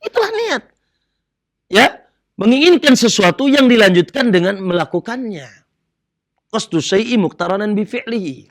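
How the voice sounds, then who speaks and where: Lively, animated male preacher. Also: sits high, normal speed. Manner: animated, asks the audience questions and acts out dialogues. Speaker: Islamic preacher. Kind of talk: religious lecture to a women's audience.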